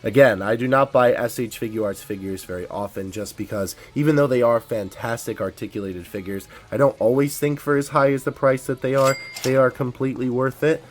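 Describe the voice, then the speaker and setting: A man hosting a casual toy unboxing, excitable and laughing often, stumbling over his words. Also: mid-range voice, brisk, few pauses.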